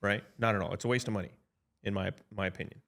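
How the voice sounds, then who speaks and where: A man of about fifty, an insurance advisor, explaining coverage in a relaxed podcast chat, often checking in with "right?" and restarting sentences. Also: on the low side, quick pace, gravelly. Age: 50s. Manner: chatty, frequent "right?" tag checks and restarts.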